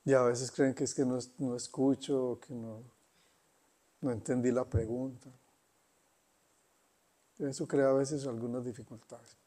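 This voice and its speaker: A man giving an unhurried spiritual talk, conversational and pausing often. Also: mid-range voice, little pitch movement, mellow. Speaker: spiritual teacher. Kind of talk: satsang talk.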